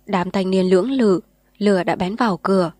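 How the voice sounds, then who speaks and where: A woman narrating a novel in a steady, measured reading voice. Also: mid-range voice, dry recording. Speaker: storyteller.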